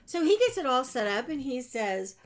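Woman host, slightly high voice, chatty storyteller who acts out dialogue with animated voices. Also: moderate pace. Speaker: podcast host. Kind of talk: storytelling monologue.

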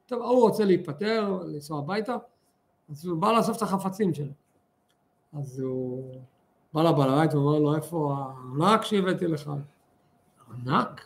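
A man teaching a religious lesson with stories, speaking fervently and stretching words for emphasis. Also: a little high. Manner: animated, fervent, drawn-out emphasis. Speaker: Torah teacher.

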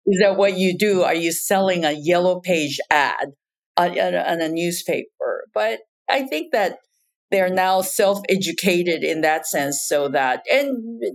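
A woman's voice: lowish voice, expressive, unhurried. A woman from Japan speaking as a podcast guest, talking in a reflective way with frequent "you know" and "in terms of". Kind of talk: casual conversation.

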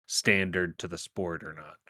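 Co-host with a really low voice, casual chat, short playful comments. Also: fairly even intonation, unhurried, bright, forceful tone, dry recording, clean studio sound. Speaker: podcast co-host.

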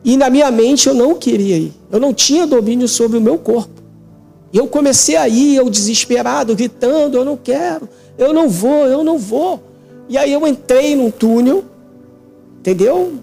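Male interview guest, testimony of a vision; gravelly, mellow, emotional, repetitive phrasing. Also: very high voice, normal speed, faint music behind.

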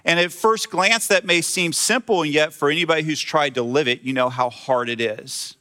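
A male pastor preaching a conversational sermon in a church, retelling a scripture story with lively voiced quotes. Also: a little high, moderate pace. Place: church sanctuary with screen.

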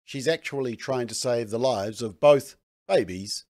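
A man's voice: mid-range voice, a little slow, a little mellow. A man hosting a news commentary segment, speaking with a sarcastic edge. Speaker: host.

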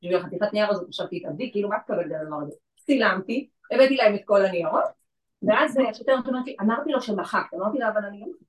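This woman works in legal aid and is chatting casually, recounting a story with lively energy and performing each character's voice. She has a mid-range voice, captured from far away in a room full of echo.

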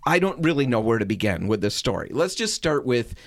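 A middle-aged man hosting a radio show, chatting casually and telling a story in an animated way. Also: medium pitch, brisk, no echo. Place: radio studio.

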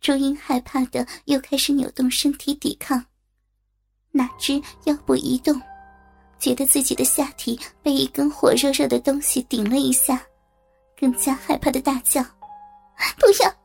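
A woman reading a story aloud as narrator, in a steady, even storytelling manner. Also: high-pitched, moderate pace, vocal fry, faint music behind.

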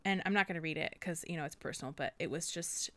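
Low-pitched and fairly bright, this young woman talks quickly with no room sound behind her. As a podcast co-host in casual conversation, she gushes, turns emotional, and laughs again and again.

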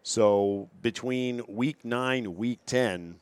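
A man announcing a local high school football broadcast, steadily reading off player names and opponent stats. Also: drawn-out words, smooth, no echo. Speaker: play-by-play announcer. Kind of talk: local sports broadcast commentary.

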